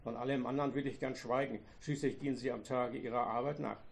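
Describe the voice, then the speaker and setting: A man voicing a retired old farmer who complains loudly and sarcastically about his grown children. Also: medium pitch, fairly even intonation, fast, vocal fry, close to an everyday voice. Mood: bitter. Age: older. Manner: loud, reproachful, sarcastic.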